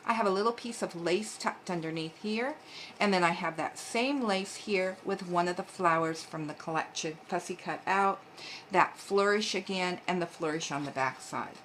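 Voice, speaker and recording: A woman's voice: lowish voice, moderate pace, fairly bright tone, a little hiss or hum. A woman hosting a papercraft video, chatting casually as she shows her handmade cards, with frequent ums along the way. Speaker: papercraft channel host. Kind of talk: casual craft show-and-tell.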